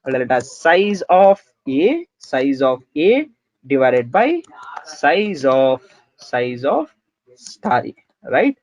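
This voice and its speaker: A man's voice: medium pitch, sing-song, slow pace. A man teaching a coding lesson, talking through each line as he types, repeating himself and calling the viewers "guys". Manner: talks through code as he types, many repeats, says "guys" and "sir". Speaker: programming instructor. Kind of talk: screen-recorded coding tutorial.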